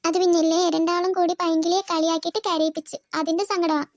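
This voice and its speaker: A woman voicing a kindly older cartoon aunt who comforts and gently scolds the children. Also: very high voice, little pitch movement, quick pace, a little hiss or hum, voice pushed down. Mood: soothing. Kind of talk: cartoon voice acting.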